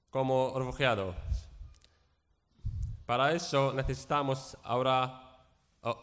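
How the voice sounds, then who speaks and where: A man from Syria, a native Arabic speaker with a Syrian accent, giving public testimony as a guest speaker in halting, broken speech with repeated words and searching pauses. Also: medium pitch, fairly bright tone, smooth. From Raqqa region, Syria. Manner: halting, broken Spanish with frequent repetitions and word searching.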